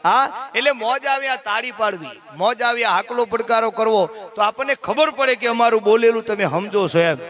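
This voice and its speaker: A middle-aged man performing live on stage, chanting devotional lines in a high sung voice and joking with the crowd. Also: moderate pace, hardly any pauses, fairly bright tone. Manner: chanting prayers in a high sung voice, then chatty joking asides to the audience. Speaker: folk stage performer at a dayro. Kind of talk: live stage folk comedy and devotional singing. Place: live stage before a seated audience.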